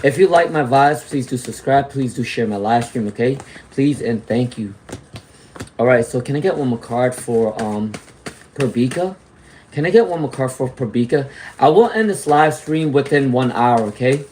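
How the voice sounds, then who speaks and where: A man with a mid-range, darkish voice and lively intonation gives live tarot readings at a moderate pace, with slight noise in the background. Between readings he voices viewer comments, says hello to chatters, and checks in with "okay?" and "all right?"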